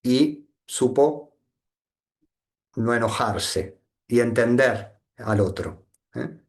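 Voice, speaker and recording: A man from Argentina with an Argentine accent, giving a reflective satsang talk with a reading, often pausing and adding tag questions. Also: medium pitch, lively intonation. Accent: Argentine Spanish. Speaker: spiritual teacher.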